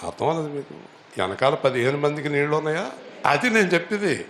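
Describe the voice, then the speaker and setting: A male pastor preaching to his congregation. He asks them questions, has them repeat lines and rises to loud, high exhortation. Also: sing-song, quick pace, a little hiss or hum. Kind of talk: Telugu church sermon. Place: church hall. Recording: echoey church hall.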